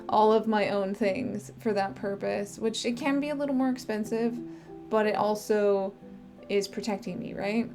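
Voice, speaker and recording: A woman talks in a loose, chatty podcast monologue, full of fillers and pauses. Her voice sounds strained, and a cough candy clicks in her mouth as she speaks. Her pitch sits in a middle range, with clear music running behind her. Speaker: filmmaker sharing her experience.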